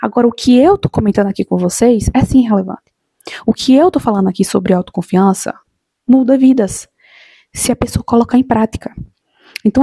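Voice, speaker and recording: Woman hosting a motivational vlog, fairly high, breathy, repeats her points and speaks straight to viewers. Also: warm tone, no room sound. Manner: emphatic, repetitive, addresses viewers directly as "gente". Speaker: motivational video host. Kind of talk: casual motivational talk to camera.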